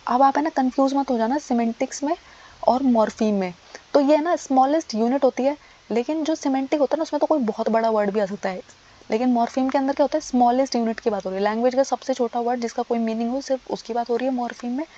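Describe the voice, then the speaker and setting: A woman teacher rattles through an exam-prep lecture at high speed. Her voice sits a little high yet sounds mellow, and she keeps asking questions and answering them herself. The audio is dull and lo-fi. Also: fast talker.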